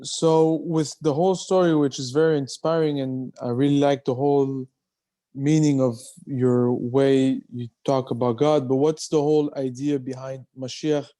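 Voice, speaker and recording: A man's voice: mid-range voice, fairly even intonation, moderate pace, dark tone. A man, a student, earnestly asking a rabbi a question over a video call. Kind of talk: question at a talk.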